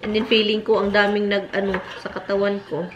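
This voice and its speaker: A woman's voice: little pitch movement, brisk, background noise. A woman casually vlogging from her home, mixing Tagalog and English as she chats about her garden and cooking. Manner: mixes Tagalog and English, chatty, talks to her dogs in a high sing-song baby voice. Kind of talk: casual home vlog chat.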